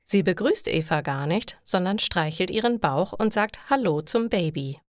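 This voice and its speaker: A woman reading stories for language learners in a slow, clear and deliberate scripted narration. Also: fairly low pitch, lively intonation, no echo, studio quality.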